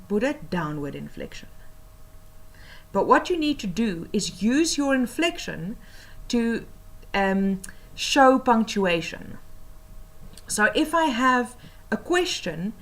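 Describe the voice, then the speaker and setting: A woman teacher explaining tips for oral reading assessments, patiently and with many pauses and fillers. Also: fairly high pitch, very animated, a bit bright.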